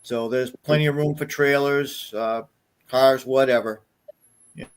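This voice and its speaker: Halting man announcing a club event. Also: medium pitch, fairly even intonation, clean tone. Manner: halting, many fillers. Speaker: snowmobile club guest. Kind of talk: casual chat.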